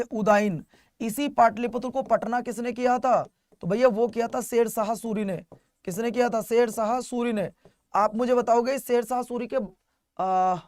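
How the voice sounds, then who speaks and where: High-voiced man teaching an exam class. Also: darkish tone, dry recording, clean studio sound. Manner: repetitive call-and-response quizzing. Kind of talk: online class lecture.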